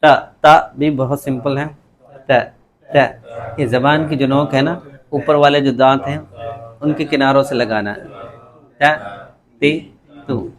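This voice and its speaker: A man teaching a tajweed lesson, patiently repeating letter sounds slowly for students to copy, with English words mixed in. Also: mid-range voice, steady tone. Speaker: Quran recitation teacher.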